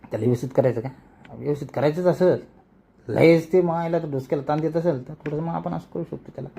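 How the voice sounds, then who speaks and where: Here the animation tutorial creator sounds somewhat high and warm, talking at a quick pace with some vocal fry, and a little hiss or hum sits in the recording. His rural Marathi accent from Maharashtra comes through as he gives a casual, colloquial walkthrough, repeating words often as he demonstrates.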